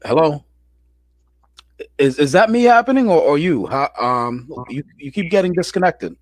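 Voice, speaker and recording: A man's voice: fairly high pitch, big pitch swings, moderate pace, no echo. A man hosting a casual call-in chat, talking in a laid-back, slangy way with frequent restarts. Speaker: show host.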